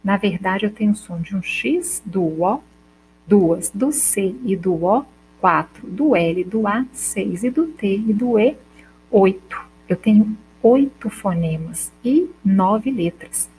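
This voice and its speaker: A woman teacher with a Brazilian accent explaining a lesson step by step, slowly sounding out example words and checking in with her students. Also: mid-range voice, expressive, a little mellow, a little hiss or hum, low-quality recording. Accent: Brazilian Portuguese. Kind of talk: recorded school lesson.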